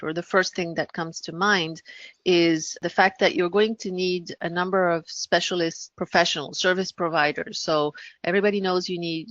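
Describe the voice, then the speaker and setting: A woman from France speaking as an interview guest, explaining things conversationally and thoughtfully, pausing to rephrase. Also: lowish voice, a bit bright, no room sound, muffled recording. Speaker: podcast guest, business founder.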